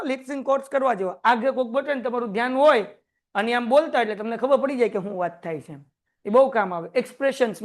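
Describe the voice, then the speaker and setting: A man teaching a class, lively and joking as he quizzes his students. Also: extremely high pitch. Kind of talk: classroom lecture.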